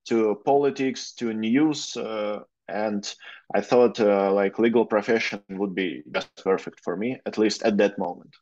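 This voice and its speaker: A young man in his twenties with a Russian accent and a fairly low voice answers questions over a video call. He hesitates often and fills gaps with "uh". The audio is dull and lo-fi. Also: steady tone, a little slow, darkish tone. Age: 20s. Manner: hesitant, many fillers, careful non-native phrasing. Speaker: guest lawyer. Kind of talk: interview answers. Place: plain room, indoors.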